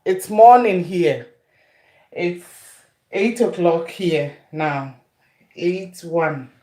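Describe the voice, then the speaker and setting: A Ghanaian woman hosts a relaxed cooking livestream, chatting with her viewers in an unhurried way. She greets each one by one and calls them "my dear". Her voice bounces around a roomy space. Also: on the low side. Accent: Ghanaian English. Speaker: cooking show host. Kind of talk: casual livestream chat with viewers.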